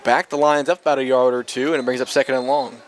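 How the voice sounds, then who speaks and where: A young man doing play-by-play for a high school football game, making quick calls and correcting himself as the plays unfold. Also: flat delivery, a faint crowd, slight background noise. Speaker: play-by-play announcer.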